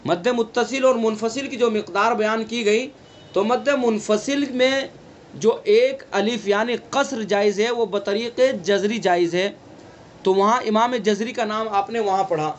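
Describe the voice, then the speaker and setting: High-voiced man teaching a tajweed class. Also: slight background noise. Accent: Delhi Urdu. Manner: slow, repetitive teaching, asks and answers own questions. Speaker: Quran recitation teacher. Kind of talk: online tajweed class lecture.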